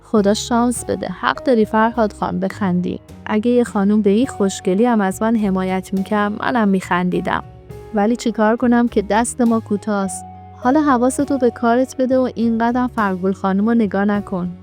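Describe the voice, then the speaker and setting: A cheeky young man who jokes his way through everything , read by a woman in her own mid-pitched voice. His banter is teasing and playful, with faint music in the background. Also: darkish tone, lightly acted.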